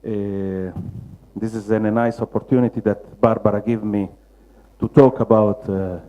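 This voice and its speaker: A man with a Roman Italian accent gives a public slide lecture, searching for words in halting non-native English. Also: on the low side, level tone, dark tone, lo-fi sound. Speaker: lecturer, mosaic restorer.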